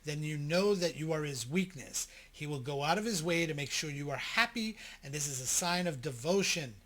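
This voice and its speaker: A man's voice: fairly high pitch, animated, normal speed, fairly bright tone. A middle-aged man co-hosting a couple's podcast, reading list points aloud and adding blunt jokes. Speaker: podcast co-host. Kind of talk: casual couple chat.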